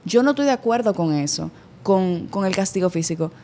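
Woman guest, open and lively storyteller, mid-pitched everyday voice. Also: brisk. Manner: candid, animated storytelling with lively quoted voices. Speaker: podcast guest. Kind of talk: casual chat.

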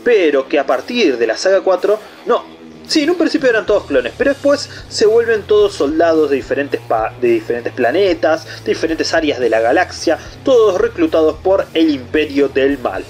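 Chatty Argentine man with a lively voice. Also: on the high side, normal speed, soft background music. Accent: Argentine Rioplatense Spanish. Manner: chatty, rambling, enthusiastic. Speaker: unboxing channel host. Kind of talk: casual unboxing commentary.

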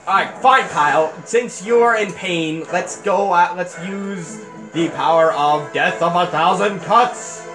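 A man casually commenting on a video game as he plays, excitable, yelping and cheering at hits. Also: high voice, slow pace. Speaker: let's play gamer. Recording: roomy, game music behind.

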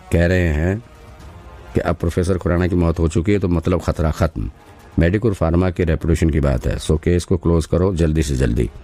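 A dutiful senior police inspector voiced by a man in an audio drama. He talks with respectful earnestness in a very deep, dark voice. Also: natural voice.

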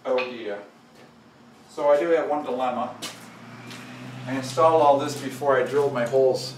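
A middle-aged man runs a DIY workshop show from his indoor garage, half muttering as he talks through a build, self-deprecating and homespun, addressing both himself and viewers. He speaks at a normal speed in a mid-range voice, amid echo and the clatter of tools.

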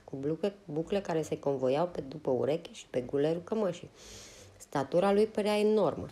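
A woman narrating a novel aloud, steady and unhurried. Her voice is mellow and warm, sitting a little low. She reads straight through the narration. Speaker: audiobook reader. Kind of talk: audiobook narration.

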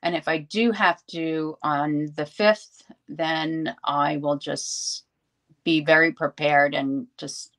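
A woman's voice: low voice, steady tone, takes it slowly, fairly bright tone. A middle-aged woman from New York hosting a casual craft livestream, chatty and rambling as she greets viewers by name. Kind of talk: casual live-stream chat.

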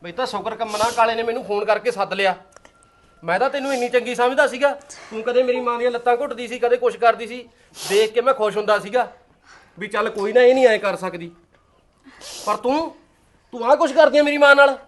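A man's voice: very high voice, quick pace, slight background noise. A man playing a husband in a short-film drama, speaking earnestly and reproachfully.

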